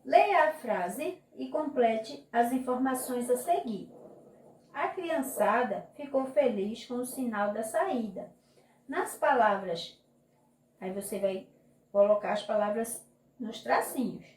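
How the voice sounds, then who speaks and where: Slow-talking Brazilian teacher, echoey room. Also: female voice, fairly high pitch, lively intonation, a little mellow. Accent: Brazilian Portuguese. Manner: slow, patient, drawn-out classroom explaining with frequent "ok?" checks. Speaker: primary school teacher. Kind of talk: recorded remote class lesson. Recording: echoey room, mic at a distance.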